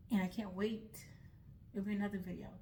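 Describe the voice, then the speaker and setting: This vlogger, a young woman from the United States starting a nonprofit, addresses the camera in an earnest, reflective way and keeps restarting her sentences. She speaks fairly quickly in a steady, mid-range, creaky voice against a noisy background.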